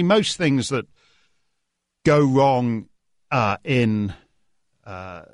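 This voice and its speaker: A man with a mid-range voice guest-hosts a talk radio show from a studio, delivering a sardonic, jokey monologue full of "uh" fillers. The studio microphone gives a sound with no echo.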